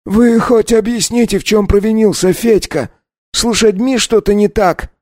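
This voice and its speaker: A man's voice: high-pitched, steady tone, normal speed, darkish tone, no room sound, clean studio sound, voice pushed up, close to an everyday voice. A man voicing an anxious, humble werewolf servant who speaks hesitantly in a raised voice, audiobook style. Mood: uneasy.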